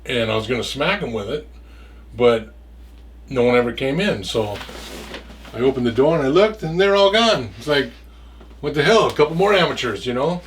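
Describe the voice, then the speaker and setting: A man's voice: medium pitch, expressive, moderate pace, long pauses, distant mic, slight background noise. A man telling a story from his past in a casual, rambling way, stumbling over and repeating words and swearing freely.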